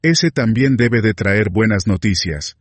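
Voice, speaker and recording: A man voicing an old king and father in a measured, lightly voiced read. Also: lowish voice, lively intonation, no room sound. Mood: hopeful.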